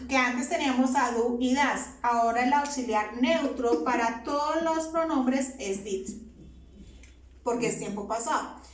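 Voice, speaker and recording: A woman's voice: high voice, unhurried, far from the mic. A woman teaching English grammar, patiently asking questions and answering them herself. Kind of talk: explaining grammar to students. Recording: echoey room, voice off-mic.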